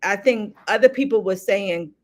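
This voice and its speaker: A woman's voice: medium pitch, moderate pace, darkish tone. A woman hosting her own live stream, chatting casually and rambling as she talks straight to her viewers. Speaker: livestream host.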